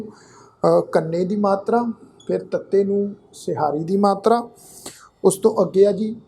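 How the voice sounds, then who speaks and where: A man teaching scripture pronunciation, spelling out letters and vowel marks and then saying each word slowly. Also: high-pitched, vocal fry, mellow. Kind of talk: slow line-by-line scripture pronunciation lesson.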